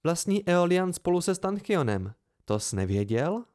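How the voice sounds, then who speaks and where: A man's voice: high voice, very animated, darkish tone, voice pushed up. A man voicing a teasing, playful young woman in an amateur audiobook reading. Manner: teasing, lilting.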